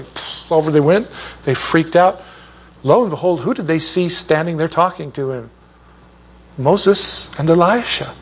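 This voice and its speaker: A man's voice: on the high side, fairly bright tone. A man teaching an informal Bible class, rambling off on side points and restarting his sentences often. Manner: rambling and digressive, with many restarts.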